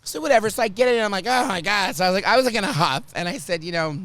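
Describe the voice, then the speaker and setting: A high-pitched male voice, a little rough from a hangover. He hosts in a loose, chatty way, spinning animated stories full of playful vanity and acted-out quotes. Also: rapid-fire, dry recording. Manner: animated, self-mocking vanity, acts out quoted remarks. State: hungover, sounding rough. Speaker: talk show host. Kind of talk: casual chatty storytelling.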